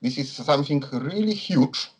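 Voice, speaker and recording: A man from Poland with a Polish accent, a non-native speaker answering interview questions in a hesitant, halting way, searching for words. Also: fairly high pitch, animated, slightly rough, low-quality recording. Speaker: interviewee, communist political activist.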